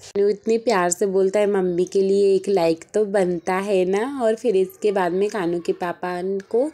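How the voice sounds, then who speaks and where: Speaking steadily at a moderate pace, a young woman with a warm, medium-pitched voice and a Malwi Hindi accent describes her day at home. It's a casual vlog from her kitchen, chatty and homely, rambling with many fillers, and she sounds tired.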